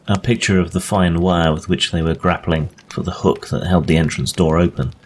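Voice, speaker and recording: A man with an extremely deep, natural voice reads the role of a genial gentleman ghost hunter, explaining his case conversationally in old-fashioned storybook phrasing. He keeps a steady tone at normal speed, and clear recording noise runs underneath.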